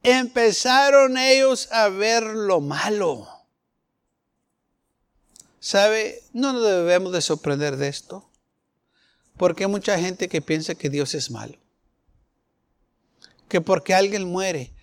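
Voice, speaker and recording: A man's voice: high voice, vocal fry. A man preaching a sermon, firing rhetorical questions at the congregation and acting out the people he quotes. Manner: fervent, rhetorical questions, acts out quoted voices.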